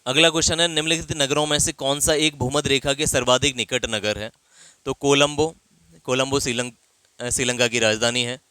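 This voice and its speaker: Male teacher, bright voice, methodical quiz-answer delivery. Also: medium pitch, a little fast, clean tone, no echo. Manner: steady explanatory, reads each question then answers. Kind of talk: exam quiz lesson.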